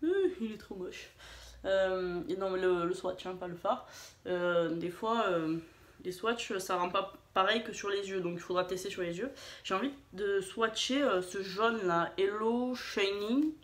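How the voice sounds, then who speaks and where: In an echoey room, a beauty vlogger speaks at a measured pace and medium pitch during a casual haul and swatch video. Her delivery is chatty and hesitant, with many fillers, restarts, and jokes at her own expense.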